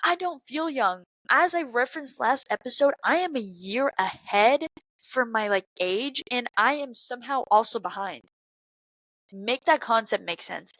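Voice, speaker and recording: A woman's voice: on the high side, lively intonation, unhurried, bright, forceful tone, dry recording, low-quality recording. A young woman in her twenties hosts her own podcast, venting in a loose, profane confessional ramble full of fillers and slang. Her voice sounds a little congested from crying, and the recording is very dry and close, with no room sound at all. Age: 20s. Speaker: podcast host. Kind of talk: casual confessional monologue.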